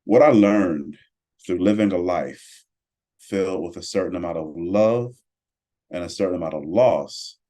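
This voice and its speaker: Man, 40s, very deep mellow voice, earnest and reflective, measured podcast talk. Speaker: podcast co-host.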